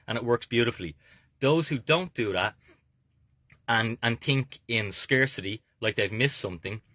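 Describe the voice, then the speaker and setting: An Irish man coaches viewers on investing from a camper van, informal, motivational and emphatic, often checking understanding with "okay?". His mid-range voice sounds pushed and bright in a dry, studio-quality recording.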